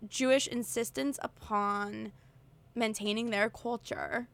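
A woman co-hosting a casual podcast, her voice pitched fairly high. She talks in long, rambling stretches and reaches for words as she thinks aloud. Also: fairly even intonation, takes it slowly, vocal fry, fairly bright tone. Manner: rambling, filler-heavy, searching for words. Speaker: podcast co-host. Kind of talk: casual conversation.

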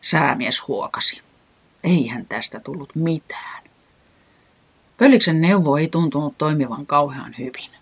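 A storyteller reading a children's storybook aloud in a calm, gentle way with a lively lilt. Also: mid-range voice, slightly rough.

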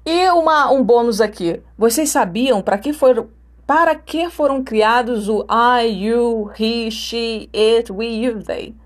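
Brazilian woman, unhurried language teacher who models pronunciation by repetition. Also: a little high. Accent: Brazilian Portuguese. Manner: repeats example phrases to model intonation. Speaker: English teacher. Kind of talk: recorded language lesson.

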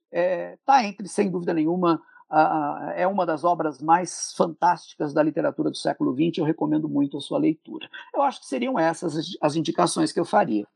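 A Brazilian man with a slightly raised, gravelly voice talks about history on a podcast. He digresses eagerly, piling up asides and little tag questions. The recording is close and dry, with no room sound. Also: high-pitched, a little mellow, no echo. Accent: Brazilian Portuguese. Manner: enthusiastic, digressive, frequent "né" tags and restarts. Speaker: guest historian. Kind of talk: podcast interview.

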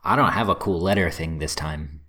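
A man's voice: rumbling low, brisk. A man co-hosting a podcast, chatting casually and joking around with his co-host. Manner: joking, animated banter. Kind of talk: casual chat.

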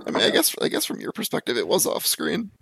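Gravelly, lively-voiced teasing man. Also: a little high, fast talker, dry recording. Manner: teasing, laughs often. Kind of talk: casual chat.

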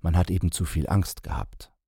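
A man's voice: low-pitched, moderate pace, gravelly, warm tone, breathy edge, no echo, studio quality, heavily acted. A man reading a storybook, voicing a trembling, nervous young soldier who whispers. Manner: whispered, shaky.

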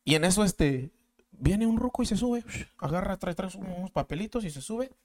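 A man, a guest telling slangy, animated stories and acting out the voices in them. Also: high-pitched, moderate pace, slight background noise. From Mexico. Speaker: interview guest. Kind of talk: casual storytelling.

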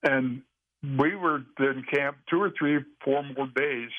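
Halting male storyteller on a phone line. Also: medium pitch, dry recording. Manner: rambling, halting storyteller with frequent restarts. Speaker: interview guest. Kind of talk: casual storytelling in an interview. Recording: dry, tinny phone line.

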